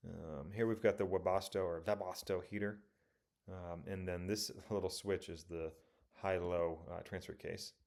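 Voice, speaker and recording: A man casually talking through auction photos of a car, rambling and correcting himself with many pauses. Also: sits low, steady tone, creaky, darkish tone. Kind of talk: casual commentary over photos.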